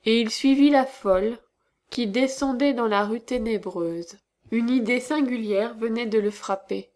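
Slow-paced woman narrating a novel. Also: fairly high pitch, darkish tone.

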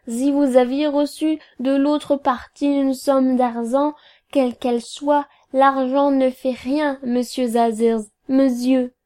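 A woman's voice: high-pitched, flat delivery, dark tone. Woman doing a nervous pleading man. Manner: slow, imploring, fawning.

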